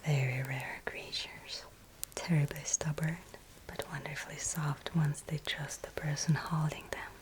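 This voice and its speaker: A woman takes the role of a gracious innkeeper from a medieval fantasy world in an ASMR roleplay, whispering softly and breathily with gentle, old-fashioned formal wording. Her deep voice holds a steady tone at a slightly slow pace, gentle and mysterious, though the recording quality is low.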